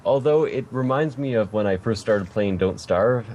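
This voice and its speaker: A man's voice: on the low side, animated, moderate pace, darkish tone, slight background noise. A man hosting a podcast interview, chatting casually and rambling a little, correcting himself as he goes. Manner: rambling, self-correcting, light laughter. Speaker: podcast host.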